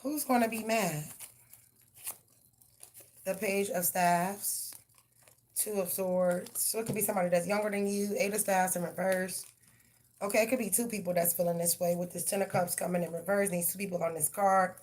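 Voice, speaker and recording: A woman's voice: medium pitch, fairly even intonation, moderate pace, darkish tone, a little hiss or hum. Woman, tarot reader; blunt, profane, heated delivery. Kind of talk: live tarot reading and rant.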